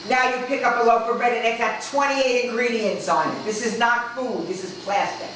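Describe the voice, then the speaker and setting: A woman's voice: on the high side, fairly even intonation, normal speed, a bit bright. Woman instructor, emphatic rhetorical lecturer; distant room recording with faint background hiss. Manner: emphatic, full of rhetorical questions. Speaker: diet class instructor. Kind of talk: lecture to a live group. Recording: echoey room from far off, faint noise.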